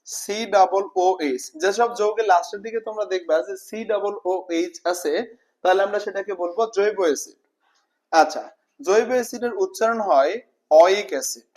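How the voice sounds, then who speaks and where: High-voiced man teaching chemistry. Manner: repeats terms slowly, checks understanding with questions. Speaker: chemistry tutor. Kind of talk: informal exam-prep lesson.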